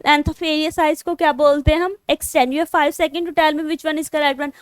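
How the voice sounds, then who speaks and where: A woman's voice: sits high, fairly even intonation, slow, no room sound, clean studio sound. A woman with an Indian accent teaching English spelling online, spelling words out letter by letter and mixing Hindi with English. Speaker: English teacher for exam prep.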